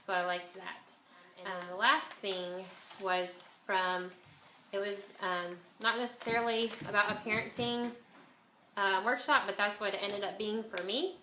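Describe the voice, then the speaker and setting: A woman's voice: mid-range voice, fairly even intonation, unhurried, sharp tone. A woman chatting casually as a homeschool vlogger, with a stuffed-up, nasal voice from a cold, as if pinching her nose. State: has a bit of a cold. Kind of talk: casual chat to camera. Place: at home, indoors. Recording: echoey room, faint background noise.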